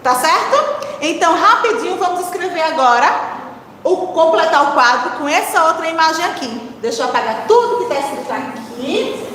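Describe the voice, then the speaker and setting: A woman's voice: very high-pitched, lively intonation, normal speed, fairly bright tone, a little hiss or hum. A woman teacher giving a recorded lesson to young children, spelling out words syllable by syllable and asking them encouraging questions. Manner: encouraging, asks the class questions. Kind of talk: primary-school literacy lesson. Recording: echoey room with long reverb.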